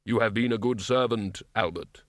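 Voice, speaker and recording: A man voicing Death, an ancient, solemn and literal male reaper, speaking slowly and gravely in an audiobook reading. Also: on the low side, dry recording, studio quality, lightly acted. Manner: slow, measured, grave delivery.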